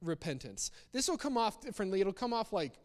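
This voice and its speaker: A man preaches a sermon in a conversational yet emphatic manner, repeating phrases for stress and acting out example quotes. His voice sits high, swings widely in pitch, and moves fairly quickly. A long hall reverb colors the recording.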